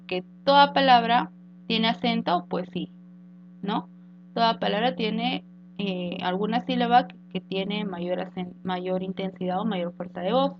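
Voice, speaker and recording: A woman teacher giving a recorded grammar lesson, explaining step by step with rhetorical questions and small fillers. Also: medium pitch. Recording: dull lo-fi with mains hum.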